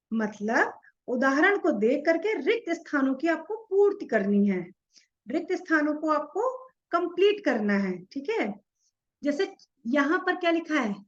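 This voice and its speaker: Woman, teacher, high voice, slow, asks and answers her own questions, dull recording. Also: a bit bright. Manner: asks the class questions and answers them herself; spells out each letter slowly while writing. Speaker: Sanskrit teacher. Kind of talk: explaining a textbook lesson.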